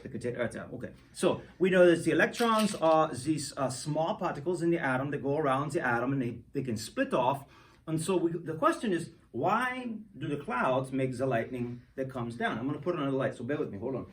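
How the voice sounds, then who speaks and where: A man's voice: a little high, lively intonation, fairly quick, recorded from a distance, slight background noise, rough recording. A man hosting a goofy hands-on science demo for kids, joking and rambling with lots of restarts. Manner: playful, jokey, rambling with restarts. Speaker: science show host.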